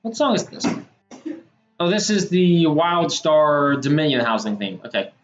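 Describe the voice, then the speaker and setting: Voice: mid-range voice, unhurried. Rambling streamer in a roomy, dull-sounding room. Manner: rambling, hesitant, many fillers. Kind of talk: casual livestream chat while role-playing. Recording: roomy, dull sound with soft music underneath. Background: game soundtrack music.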